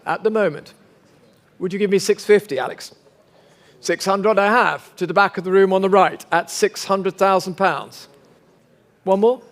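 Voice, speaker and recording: A man working as an auctioneer, calling and repeating bids in a polite, formal way as he coaxes bidders. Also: high-pitched. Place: large auction sale room.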